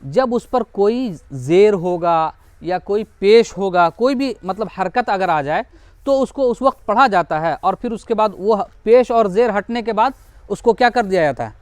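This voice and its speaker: High-voiced man teaching Quran reading. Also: lively intonation, dry recording. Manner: explains slowly, repeats examples, asks and answers his own questions; drawls out example words slowly to model pronunciation. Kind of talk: classroom lesson.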